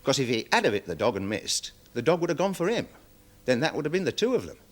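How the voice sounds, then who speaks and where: Security guard witness, hesitant, rambling, deferential, lively pitch, 1970s TV courtroom drama. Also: male voice, fast. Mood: worried, defensive. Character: nervous security guard witness, dog handler.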